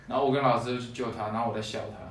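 A man's voice: mid-range voice, steady tone, racing, fairly bright tone, slight background noise. A young man, co-hosting a podcast and telling childhood stories with frequent laughter. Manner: laughs often while telling anecdotes. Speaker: podcast co-host. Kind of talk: casual chat, storytelling. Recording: roomy echo, distant mic.

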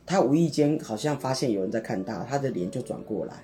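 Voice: mid-range voice, animated, quick pace, dark tone, faint music behind. A podcast co-host, casually chatting and retelling a story theatrically, acting out the dialogue. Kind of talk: casual chat, dramatic storytelling.

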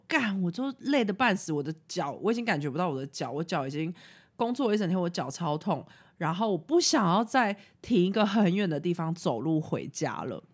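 Lively young woman. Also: on the low side. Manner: animated, frank, swears freely, laughs at herself. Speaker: podcast host. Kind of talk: casual storytelling monologue.

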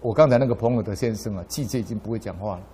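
A man's voice: lowish voice, very fast, warm tone, breathy edge. A middle-aged man from Taiwan, giving a Buddhist dharma talk full of anecdotes. His voice rises sharply when he tells a story. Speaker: lay Buddhist speaker.

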